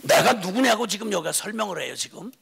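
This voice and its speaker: A male preacher delivering an impassioned sermon in a high, lively voice that climbs and drops. His tone is bright and gravelly with a husky edge, and he drives his points with rhetorical questions. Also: fast.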